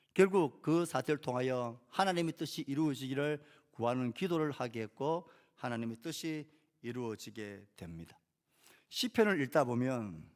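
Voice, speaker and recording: A male pastor preaching a sermon in a measured way, lifting key phrases and letting sentences fall softly, with rhetorical questions to the congregation. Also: medium pitch.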